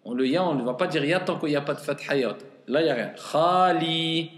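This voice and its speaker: A man teaching Arabic reading in a patient classroom way, slowly repeating syllables and gently correcting a student. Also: fairly high pitch. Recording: echoey room with long reverb.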